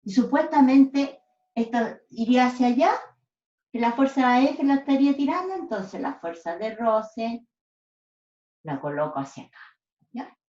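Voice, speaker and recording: A woman's voice: fairly high pitch, lively intonation, measured pace, pauses often, darkish tone. A woman teaching physics step by step, stopping often to check that students follow. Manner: checks in with "¿ya?" after each step. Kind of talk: whiteboard lesson. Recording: echoey room, dull lo-fi sound.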